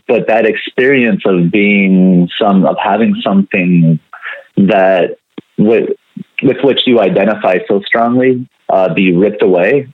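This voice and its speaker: Deep-voiced man on a tinny line. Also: no echo. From Venezuela. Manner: thoughtful, halting, many restarts. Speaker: guest. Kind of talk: interview conversation.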